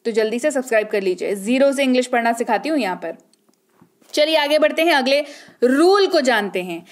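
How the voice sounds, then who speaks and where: High-pitched indian teacher lady, keeps quizzing you and saying words slow. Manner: coaxing, asks the viewer questions and repeats words slowly. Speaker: English teacher. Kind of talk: online spelling lesson.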